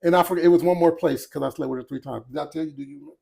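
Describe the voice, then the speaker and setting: A man with a slightly high voice chats loosely on a podcast. He laughs through his stories, stops himself mid-thought and starts again. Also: steady tone, rapid-fire, vocal fry, warm tone. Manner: laughing storyteller, trailing off and restarting. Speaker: podcast guest. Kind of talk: casual chat.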